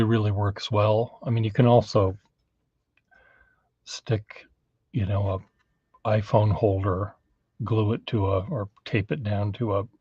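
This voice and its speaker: A man in his fifties hosting a casual livestream from a cluttered home studio, talking haltingly with many fillers. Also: on the low side, a little mellow, husky, no echo. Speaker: livestream host. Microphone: webcam on a video call. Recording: dull lo-fi, dry.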